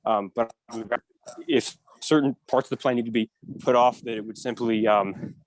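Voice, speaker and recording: A man calling in to give public comment, his call audio choppy with volume cutting in and out, speaking haltingly with many fillers. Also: medium pitch, steady tone, no room sound, poor audio. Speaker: public commenter calling in to a city council meeting. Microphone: remote call-in line.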